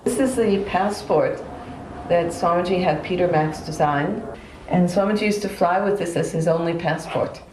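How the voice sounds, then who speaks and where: A woman speaking calmly and reflectively in a documentary interview. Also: lowish voice, normal speed, roomy sound, slight background noise, poor audio.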